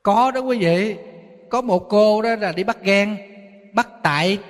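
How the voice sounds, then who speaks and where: A man, a Buddhist monk with a Southern Vietnamese accent, giving a sermon full of lively stories and acted-out quoted voices. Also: high-pitched, measured pace. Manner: storytelling, acting out quoted voices, teasing. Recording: long hall reverb.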